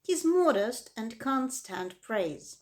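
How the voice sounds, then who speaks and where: A woman doing a flustered loud farmer. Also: fairly high pitch, very animated, slow. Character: flustered excitable farmer, middle-aged man.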